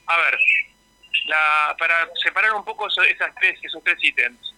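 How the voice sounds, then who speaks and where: A man's voice: fairly high pitch, moderate pace, sharp tone, no room sound, rough recording. A man with an Argentine Spanish accent, a health official explaining things in a radio interview. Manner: explanatory, informative.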